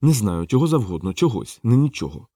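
A man voicing a calm, practical young woman officer of the city watch, raising his pitch for her. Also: fairly quick, dry recording, studio quality. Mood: concerned.

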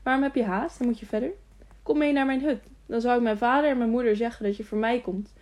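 A woman's voice: fairly high pitch, fairly even intonation, fast, darkish tone, lightly acted. A woman voicing a lonely, simple-minded young man who asks childlike, repetitive questions. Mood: eager.

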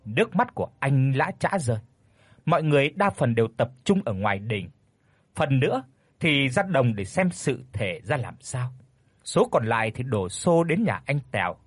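A male narrator telling a spooky village tale, his husky voice rising and falling with lively drama. He sits close to a dry-sounding mic. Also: medium pitch, dry recording. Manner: expressive, dramatic storytelling. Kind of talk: scripted horror story narration.

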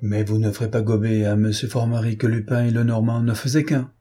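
A man's voice: fairly low pitch, flat delivery, fairly quick, warm tone, slightly rough. A man reading the part of a smug, pompous examining magistrate in an audiobook, condescending and sure of himself.

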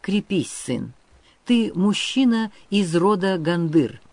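A man voicing a weary, stern old prince who is a protective father, speaking low, calm and firm. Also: takes it slowly, no room sound, heavily acted. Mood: solemn. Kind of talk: audiobook character reading.

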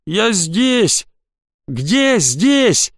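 A man's voice: extremely high pitch, very animated, normal speed, dry recording, clean studio sound, pitched above the performer's own voice. A man putting on a scared, whiny young boy. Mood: wailing. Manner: plaintive, wailing. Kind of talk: audiobook character voice.

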